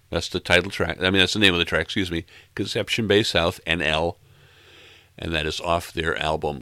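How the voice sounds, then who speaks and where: A middle-aged man hosting a music podcast, casually back-announcing tracks in a relaxed, wry, self-deprecating way. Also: low voice, dry recording, clean studio sound. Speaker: podcast host.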